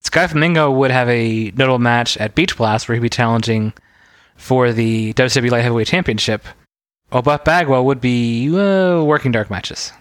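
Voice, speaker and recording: A man's voice: medium pitch, normal speed, dry recording. A man co-hosting a podcast, chatting casually and sharing wrestling trivia. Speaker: podcast co-host. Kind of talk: casual chat.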